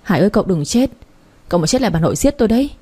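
A woman's voice: medium pitch, expressive, racing, mellow, slightly rough. A woman voicing an anxious, earnest young man in a storybook reading. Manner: fretful, pleading.

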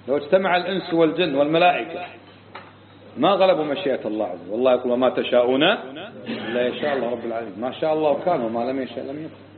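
A man teaching a religious creed class, emphatic and firing rhetorical questions at his students. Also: on the high side. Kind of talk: religious lesson. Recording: tinny phone-like lo-fi recording.

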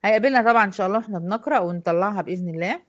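A woman's voice: mid-range voice, racing, dull audio. A woman with an Egyptian accent teaching a recitation lesson, patiently quizzing her female students step by step. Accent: Egyptian Arabic.

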